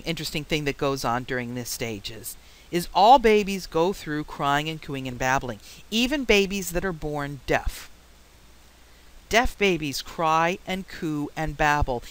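A woman teaching a psychology lecture, explaining points with anecdotes and deliberately varying her pitch, pace and loudness. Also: animated, rough recording. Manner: varies pitch, rate and loudness on purpose. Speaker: psychology instructor. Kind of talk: classroom lecture.

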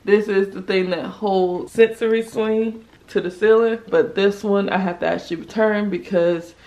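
Chatting through a home vlog, this American woman in her thirties talks as a mom, indoors among the rooms and kitchen. She's recorded on a handheld or nearby camera microphone, and her medium-pitched, darkish voice keeps a moderate pace and fairly even intonation.

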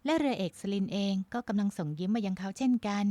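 A woman from Thailand narrating a romance novel in a measured, even storytelling voice. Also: mid-range voice, no echo. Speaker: audiobook narrator.

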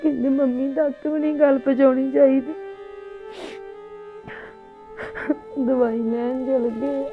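An actress playing a tearful young daughter-in-law who hides her hurt, speaking quietly and hesitantly. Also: high-pitched, level tone, quick pace, phone-quality sound, soft background music. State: crying. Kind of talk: family drama acting.

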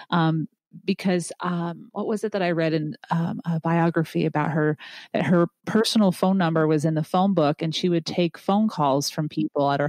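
A woman's voice: on the low side, a little mellow, dry recording, poor audio. A woman hosting a podcast interview, eager and admiring, with many fillers and restarts. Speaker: podcast host.

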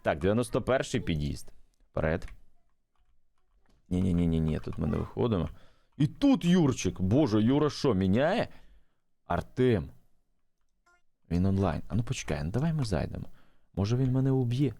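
A man's voice: on the low side, big pitch swings, normal speed, vocal fry, pauses often, dark tone, no echo. A man chatting casually to viewers while playing a mobile game, thinking aloud and reacting as he goes. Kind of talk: casual gameplay commentary to viewers.

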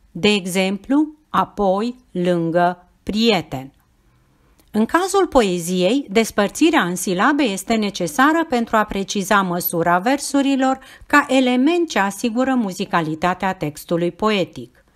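A woman as a teacher, reading a scripted grammar lesson in a clear, measured, explanatory way. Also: medium pitch.

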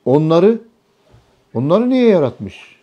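A man's voice: fairly high pitch, big pitch swings, slow pace, muffled recording. A man giving a religious talk to a small group, often asking the listeners questions and repeating their answers. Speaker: religious teacher.

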